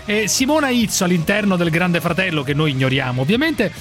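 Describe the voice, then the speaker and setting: A male radio host with a notably high voice, talking in a provocative, colloquial way. He is insistent and cuts in often, with faint music around him. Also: lively intonation, brisk, a bit bright.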